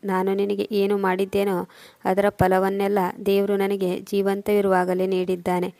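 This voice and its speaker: Remorseful old mother-in-law, tearful, flat even delivery, mellow tone, read by a woman narrator. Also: mid-range voice, normal speed, dry recording, natural voice. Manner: tearful, self-reproaching.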